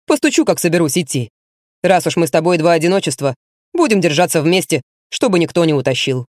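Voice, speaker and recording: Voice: mid-range voice, lively intonation, fast talker, no echo, natural voice. A blunt young man with piercings and tattoos, as the audiobook narrator puts him on, tossing off his lines in a sardonic, offhand way. The recording is dry and close.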